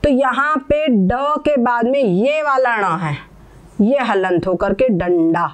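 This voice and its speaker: High-voiced woman teaching Sanskrit pronunciation. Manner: patient, repeats words slowly, checks understanding. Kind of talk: explaining pronunciation lesson.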